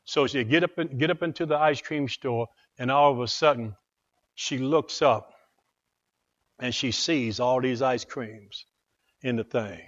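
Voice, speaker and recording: A man's voice: mid-range voice, measured pace, lo-fi sound. A man preaching a sermon, telling a story dramatically and repeating phrases for emphasis. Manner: animated and dramatic, with repetition.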